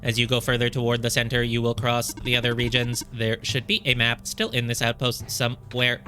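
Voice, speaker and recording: A man's voice: medium pitch, level tone, brisk, pushed and bright, lightly acted. A man voicing a polite, formal robot guide while reading game dialogue aloud in a let's play, with a stiff, stately delivery. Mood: solemn.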